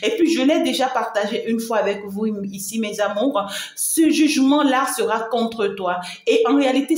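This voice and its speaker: Emphatic woman medium, roomy echo. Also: fairly high pitch. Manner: emphatic, repetitive, affectionate address to viewers. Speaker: spiritual medium and channel host. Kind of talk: live-streamed spiritual talk.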